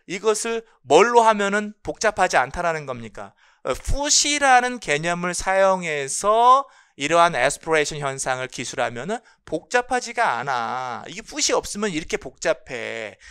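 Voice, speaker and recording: A middle-aged male lecturer with a bright, forceful voice and a lively, animated pitch. He explains exam material, asking rhetorical questions and then answering them. His speech is crisp and clean, and it slips English terms into the explanation. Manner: mixes English terms into Korean.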